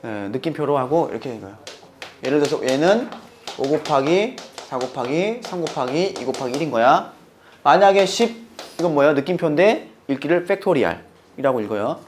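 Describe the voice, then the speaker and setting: A man teaching math, walking through the steps and constantly quizzing his students with quick questions. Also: a little high, expressive, a little hiss or hum. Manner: playful, talking to himself. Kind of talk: lecture.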